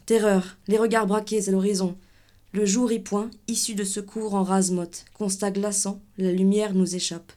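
A woman giving a dramatic literary reading, with an intense, measured delivery in short clipped phrases. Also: medium pitch, dark tone.

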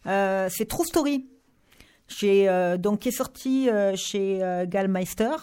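A woman's voice: medium pitch, slow pace, dark tone, clean tone. A woman speaking as a guest book critic on a radio show, talking through novels with frequent fillers and restarts. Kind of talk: radio book review chat.

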